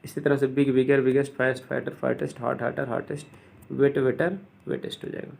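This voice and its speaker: A man who teaches English, explaining grammar rules step by step and slowly repeating each example word. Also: medium pitch, little pitch movement, creaky, a little mellow.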